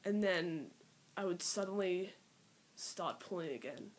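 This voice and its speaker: Her voice fairly low but animated, a nineteen-year-old Australian woman talks at a measured pace in her first personal vlog. She's nervous, rambling with many fillers and occasionally trailing into a near-whisper, all picked up by an iPad's built-in mic.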